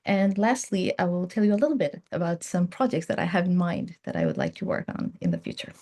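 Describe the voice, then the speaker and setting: A woman from Bangladesh gives an academic seminar talk as a guest researcher, explaining her work with informal asides. Her voice sits on the low side, mellow and brisk, with big pitch swings.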